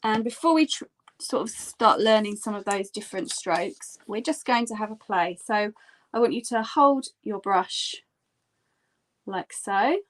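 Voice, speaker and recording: Casting: female art instructor, mid-range voice, gentle and encouraging, informal step-by-step demonstration delivery. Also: mid-range voice, animated, measured pace. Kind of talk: casual step-by-step painting demonstration. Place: indoors at a tabletop.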